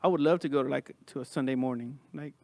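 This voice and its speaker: A man's voice: mid-range voice, fast, gravelly, a little mellow, no room sound. A man hosting a podcast in a casual, informal chat, talking like he's among his bros. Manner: informal, says man and bro often. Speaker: podcast host.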